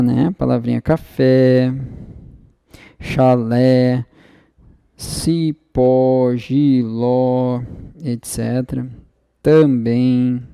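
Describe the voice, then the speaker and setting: A man's voice: mid-range voice, gravelly, warm tone, clean tone, no echo, clean studio sound. A man teaching an online exam-prep lesson. He explains step by step, checks in often with tag questions and acts out students' questions.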